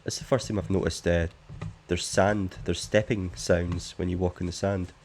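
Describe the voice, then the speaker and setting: Man, deep voice, chatty let's-play commentary, jokes with viewers. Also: little pitch movement, normal speed, a little mellow, a little hiss or hum. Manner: chatty, jokey, talks straight to viewers. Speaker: game streamer.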